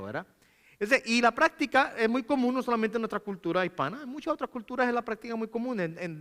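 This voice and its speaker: A pastor delivers a teaching sermon in a church. The man's voice sits high, bright and clear, and he keeps checking in with rhetorical questions while explaining. When he reads scripture aloud he leans on the words. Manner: asks rhetorical questions, frequent "¿verdad?".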